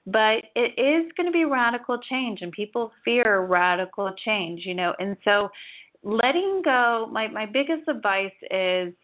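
A woman's voice: fairly high pitch, animated, measured pace. A woman in her forties giving a chatty, rambling spiritual forecast as a psychic reader, with lots of "you know" and "like". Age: 40s. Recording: tinny phone-like audio.

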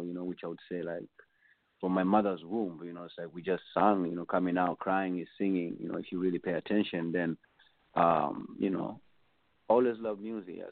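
Speaking in a deep voice with no room sound, a Tanzanian musician responds to an interviewer in a reflective, meandering manner packed with filler phrases. The audio comes through a tinny, dry phone line.

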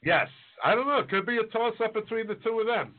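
A man's voice: high-pitched, animated, quick pace. A chef in his forties chatting casually, rambling and self-deprecating with a joking manner. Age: 40s. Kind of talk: casual podcast chat. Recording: tinny phone-like line.

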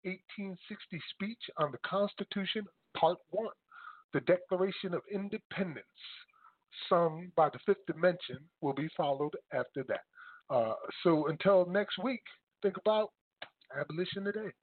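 A man's voice: high-pitched, normal speed, dry recording, narrow, tinny audio. A man co-hosting a radio show, signing off with earnest, preachy remarks. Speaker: co-host.

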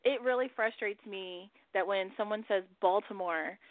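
A woman's voice: medium pitch, normal speed, no room sound. A woman hosting a radio show in casual chat, who swears freely and laughs often. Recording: dry, phone-like line.

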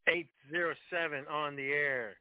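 A man's voice: fairly high pitch, normal speed, smooth. A man calling in to a radio show over the phone, chatting casually and laughing easily, then reading his poems aloud. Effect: heard over a phone line on a radio show. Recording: tinny phone line, dry.

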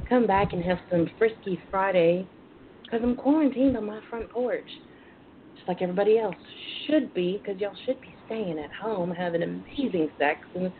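A woman hosting a casual radio talk show in a chatty, sassy, bawdy manner. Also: medium pitch. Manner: sassy, bawdy, uses endearments. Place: front porch at home. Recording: phone-like internet radio line with hiss.

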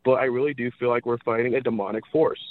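Fast and fairly even in intonation, a medium-pitched man from California phones a radio show to give his sincere opinion. The line sounds tinny and dry, and he restates things for emphasis.

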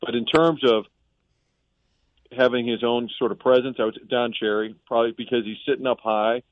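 A man with a mid-range voice and fairly even intonation speaks briskly, with no room sound. He's a sports reporter calling in from a boat in a harbor, casually and analytically talking through a game preview. The phone line makes the audio tinny.

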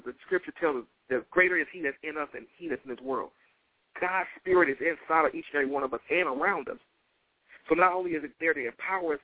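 A man delivers a motivational sermon over a thin, phone-like line with very little room sound. His voice sits a little high, and he speaks with fervent emphasis. He hammers key phrases home by repeating them like a preacher. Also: no room sound.

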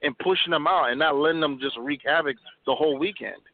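A man calling in to a radio show, arguing bluntly and forcefully. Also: fairly high pitch, fast. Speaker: caller. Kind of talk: heated call-in debate. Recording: tinny phone line.

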